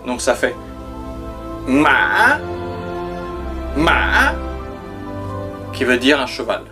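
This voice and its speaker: A man's voice: mid-range voice, level tone, brisk, music in the background. A man giving a pronunciation lesson, carefully demonstrating letters and sounds one by one. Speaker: language teacher.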